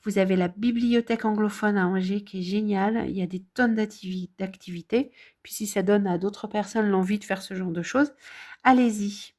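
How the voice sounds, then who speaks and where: A woman's voice: mid-range voice, normal speed. A woman from France, middle-aged, coaches her viewers through a casual video lesson. She talks in a direct, encouraging way and leans hard on the words she wants to stick. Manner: encouraging, direct, lively emphasis. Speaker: English teacher.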